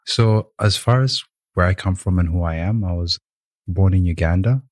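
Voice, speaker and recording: A young man from Rwanda, a yoga teacher and podcast guest, telling his life story in a thoughtful, soft-spoken way over a video call. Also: low voice, moderate pace, dry recording, studio quality. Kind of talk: reflective storytelling in an interview.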